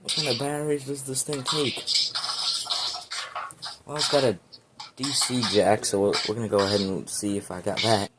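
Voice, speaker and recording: This amateur reviewer's unboxing talk is loose, slangy and meandering, delivered flatly in a medium-pitched voice at normal speed with long pauses. The home recording is clearly noisy and has clicks.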